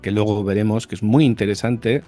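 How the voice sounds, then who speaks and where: Male psychologist guest, lowish voice, conversational explainer, faint music bed. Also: a little fast, warm tone. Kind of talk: casual explanatory interview talk.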